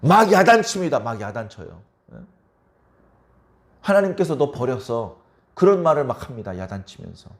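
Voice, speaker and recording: A pastor preaching a midweek sermon, prompting the congregation for a response. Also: male voice, mid-range voice, very animated, normal speed. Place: church service.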